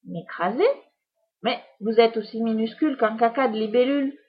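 A woman's voice: a little high, normal speed, husky, lo-fi sound. A woman voicing a cheeky, clever little boy in a children's storybook reading, whining his refusals.

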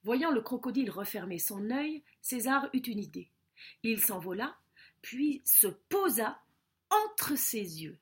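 A woman reading a children's picture book aloud, her voice a little high and full of expression. She slows down and softens for the quiet moments, in a gentle audiobook reading. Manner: slow, expressive storytelling with soft drops. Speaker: storyteller.

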